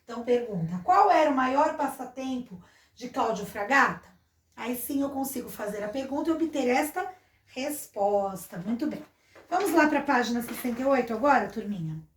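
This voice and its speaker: A Brazilian woman teaches a schoolbook lesson in a high-pitched voice, patiently walking her pupils through each exercise. Her voice carries a noticeable room echo. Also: lively intonation, normal speed. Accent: Brazilian Portuguese. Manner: patient, explains step by step, addresses pupils as a little class.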